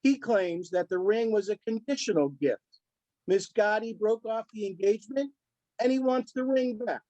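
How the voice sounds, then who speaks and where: A formal court bailiff, played by a woman who announces the case in a measured, official tone. Her voice sits fairly high. The sound is dry and close. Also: dark tone, dry recording, lo-fi sound, natural voice.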